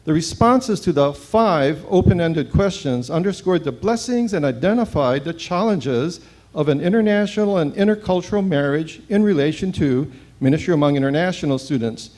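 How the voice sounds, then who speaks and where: Man, 70s, from hawaii, conference presenter, reading a paper aloud, brisk and formal, fairly high voice. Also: animated, a little mellow. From Hawaii, United States. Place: seminary conference hall.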